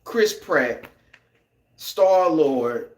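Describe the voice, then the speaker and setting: A man co-hosting a podcast in casual chat, animated and slangy, acting out lines as he talks. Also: a little high, very slow. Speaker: podcast co-host. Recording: echoey room.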